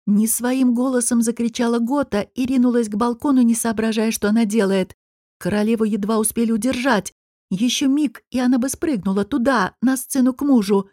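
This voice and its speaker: Woman narrator, slightly high voice, slow measured reading, dry close sound. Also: steady tone, warm tone, no room sound. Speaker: audiobook narrator. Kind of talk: scripted narration.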